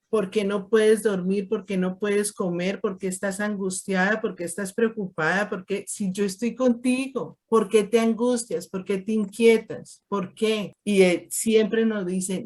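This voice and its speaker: A woman's voice: medium pitch, a little mellow. Woman teaching scripture with rhetorical questions. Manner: strings rhetorical questions and acts out quotes. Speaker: Bible study teacher. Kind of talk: conversational Bible teaching.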